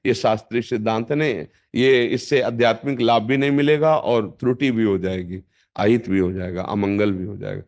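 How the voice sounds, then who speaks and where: A man's voice: fairly low pitch, moderate pace, a little mellow. An older man with a North Indian Hindi accent, a spiritual teacher giving a firm, instructive devotional discourse with emphatic repetition.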